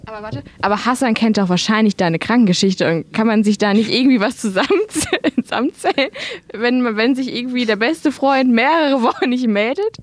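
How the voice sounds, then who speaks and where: Female host, playful interviewer, chuckles while asking, slightly high voice. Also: expressive, brisk. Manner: curious, teasing, laughs into her questions. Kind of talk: casual interview.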